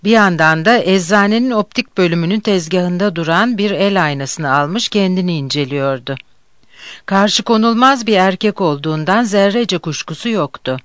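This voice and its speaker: An audiobook narrator reading a novel aloud in a measured, even way. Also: medium pitch, clean tone, no room sound, studio quality.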